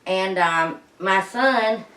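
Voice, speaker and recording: A middle-aged woman chats casually and haltingly for a vlog, folksy, her voice muffled through a face mask and short of breath. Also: mid-range voice, fairly bright tone. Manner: folksy, plain-spoken, halting. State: out of breath, pausing. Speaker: vlog host. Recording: roomy echo, distant microphone.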